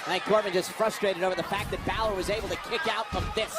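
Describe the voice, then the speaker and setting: A man working as a wrestling commentator, calling the action live move by move in an excited, emphatic, dramatic way. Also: high voice, fast. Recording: loud arena crowd noise. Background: roaring crowd in an arena.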